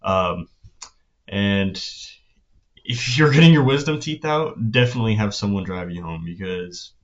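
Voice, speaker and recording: A teenage young man talking casually in a personal vlog, with a hesitant, halting delivery and phrases that trail off. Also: lowish voice. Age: teenager, about 16. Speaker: vlogger. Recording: dull, lo-fi sound.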